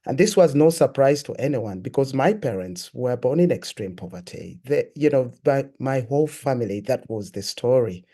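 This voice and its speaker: A man from Uganda, a guest sharing his life story in an interview, telling it in a reflective, earnest and measured way. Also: mid-range voice, lively intonation, dark tone. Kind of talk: personal testimony in an interview.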